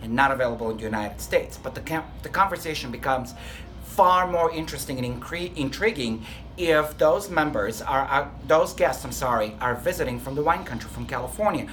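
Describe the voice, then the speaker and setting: A man with a Bulgarian accent, who works as a lead trainer at a restaurant, answers workplace interview questions with earnest enthusiasm and sometimes corrects himself mid-sentence. His voice is medium-pitched and fairly bright, with lively intonation and a fairly quick pace. There is slight background noise.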